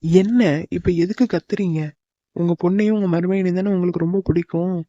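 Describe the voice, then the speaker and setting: A man's voice: high voice, steady tone, a little fast, mellow, dry recording, dull audio, close to an everyday voice. A man voicing a stubborn young son who argues with his father in a cartoon, in a heated way. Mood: defiant.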